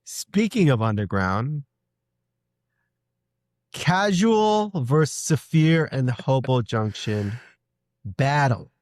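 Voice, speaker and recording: A male podcast host talks with a lively, swinging pitch. He is enthusiastic and keeps the conversation moving. The sound is dry and close. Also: slow, pauses often, no echo. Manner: enthusiastic, animated, acts out quotes. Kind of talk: casual interview.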